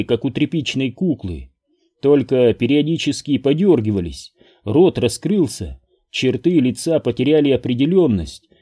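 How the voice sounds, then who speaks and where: A male audiobook narrator tells the story at an unhurried, deliberate pace. His voice is dark and mellow, of middling pitch. The telling stays steady and measured throughout. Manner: slow, measured, even telling. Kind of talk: scripted narration.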